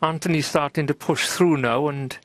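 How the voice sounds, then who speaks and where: A man giving conversational snooker analysis as co-commentator, hushed and understated. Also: on the high side, normal speed, dry recording. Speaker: snooker co-commentator and former coach. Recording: clear crowd noise and arena ambience. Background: snooker arena audience ambience.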